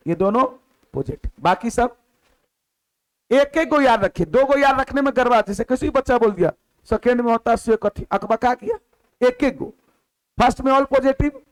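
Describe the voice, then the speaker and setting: Man, maths teacher, classroom lecture, high voice, quizzing the class and answering himself. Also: poor audio. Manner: asks the class questions and answers them himself; repeats key words, drops to a lower voice on the answer.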